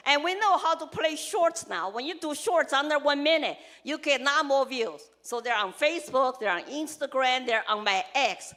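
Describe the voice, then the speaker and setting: Before a live audience, this Chinese-born congressional hopeful lays out her platform in punchy, earnest phrases, her Chinese accent clear. She speaks at a normal pace with few pauses, her high voice expressive and fairly bright.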